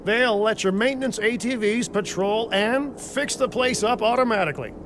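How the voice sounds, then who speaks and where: An actor playing a flippant, self-serving dinosaur park boss in a video game, glib and joking. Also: male voice, high-pitched, normal speed, lightly acted. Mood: instructing. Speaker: park boss giving instructions. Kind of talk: video game character dialogue. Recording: clear vehicle and outdoor ambience noise.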